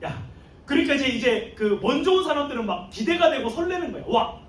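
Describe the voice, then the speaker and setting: A man's voice: extremely high pitch, expressive, quick pace, slight background noise. A man preaching to a youth group, telling the story animatedly with slang and chuckles. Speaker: youth pastor. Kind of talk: youth sermon. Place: church sanctuary. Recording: echoey room, mic far off.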